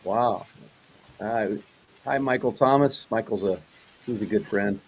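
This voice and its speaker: A man's voice: lowish voice, a little slow, a little hiss or hum, poor audio. A man hosting a casual interview, rambling a little, often repeating words and restarting his questions. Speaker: host.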